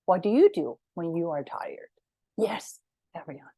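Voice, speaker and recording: A woman's voice: on the low side, big pitch swings, unhurried, dark tone, breathy edge, no echo, clean studio sound. A woman, the book's author, reading her picture book aloud to children at storytime, encouraging and asking them questions.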